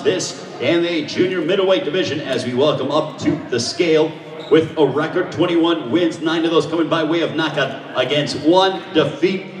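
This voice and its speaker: Man, ring announcer, high voice, showy live sports delivery, drawn-out names, long hall reverb. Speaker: boxing weigh-in ring announcer. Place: large echoing event hall. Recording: echoey hall PA, distant from mic.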